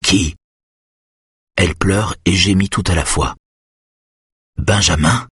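Deep, husky male narrator. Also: steady tone, normal speed, fairly bright tone, dry recording, studio quality. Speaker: audiobook narrator. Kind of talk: scripted narration.

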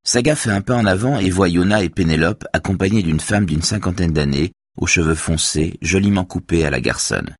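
A male audiobook narrator with a very low, husky voice. He reads in a measured, even way. The recording is close and completely dry. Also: dry recording. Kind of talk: scripted narration.

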